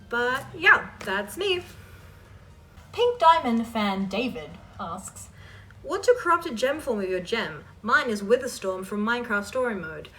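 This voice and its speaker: Her voice sits at medium pitch with a sharp tone as she runs a laid-back question-and-answer session for viewers. She reads each question out and replies informally and with emphasis, recorded on a distant mic with slight hiss or hum.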